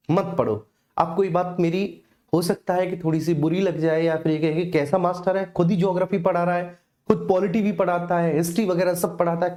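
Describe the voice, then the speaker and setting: A man with a high-pitched, mellow voice teaches an informal live online exam class. He repeats his instructions often and keeps checking that the students are following along.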